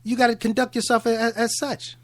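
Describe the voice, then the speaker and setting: A man's voice: extremely high pitch, level tone, fairly quick, fairly bright tone, no echo. A man on a talk show as a guest, speaking emphatically and checking in with the host often. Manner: emphatic, keeps asking "you know what I'm trying to say". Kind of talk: casual radio talk.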